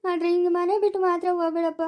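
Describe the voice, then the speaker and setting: A woman playing a worried young son from a village, high and pleading, the words tumbling out quickly as he begs his father not to leave home. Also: level tone, mellow. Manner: pleading, anxious.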